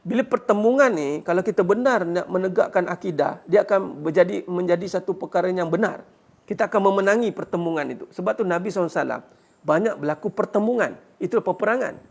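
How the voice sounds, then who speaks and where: A man gives a religious lecture as a teacher, earnestly answering questions and urging listeners to fight back, peppering his points with "ha" and rhetorical questions. His voice is high-pitched and creaky, and he talks fast.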